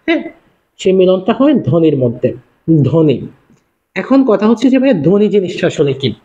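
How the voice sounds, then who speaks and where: A young man from Bangladesh teaching an online class, repeating his points and firing quick questions at his viewers. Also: high-pitched, sing-song, warm tone. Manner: fast, repetitive, calls out questions to viewers. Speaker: online tutor. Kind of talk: live-streamed class lecture. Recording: dull lo-fi stream audio.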